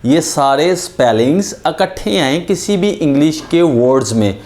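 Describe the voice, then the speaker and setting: An English pronunciation teacher giving a lesson and drawing out each example word slowly. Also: medium pitch, animated, darkish tone. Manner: drawn-out example words, explained in Hindi-Urdu.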